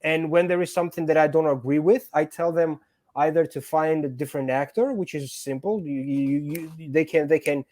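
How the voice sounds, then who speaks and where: Earnest higher-voiced male guest. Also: moderate pace, darkish tone. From born in Georgia, raised in Greece. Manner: earnest, repeats words while finding phrasing. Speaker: guest actor and stuntman. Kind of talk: casual interview chat.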